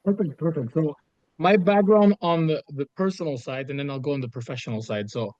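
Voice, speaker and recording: A Canadian man in his thirties talks through an interview answer in a fairly high voice for a man, animated, often restarting his phrases. The sound is close and dry, with a dull, lo-fi quality. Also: brisk, no room sound. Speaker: guest, sales executive.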